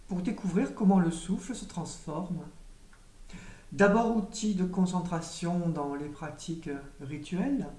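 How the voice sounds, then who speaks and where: A woman giving a spiritual teaching in a calm, measured, meditative way, with occasional hesitations. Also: lowish voice. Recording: roomy echo, voice from a distance.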